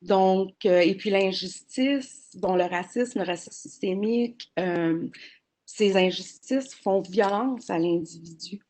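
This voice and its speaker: A woman's voice: medium pitch, slow pace, a little mellow. A woman, speaking as a panelist in a webinar over a video call, earnest and explanatory with frequent hesitations. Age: 40s.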